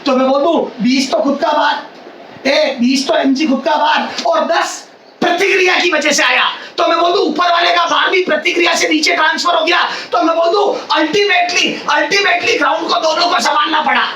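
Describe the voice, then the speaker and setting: A male physics teacher giving a classroom lecture in a loud, near-shouting voice, repeating phrases and quizzing his students. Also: very high-pitched, steady tone, moderate pace. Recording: echoey classroom, mic far off, faint hiss.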